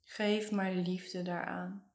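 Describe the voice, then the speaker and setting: Woman, guided meditation, soothing and hushed, flat gentle intonation, roomy echo. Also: fairly low pitch, drawn-out words. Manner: soothing, hushed, lingering delivery.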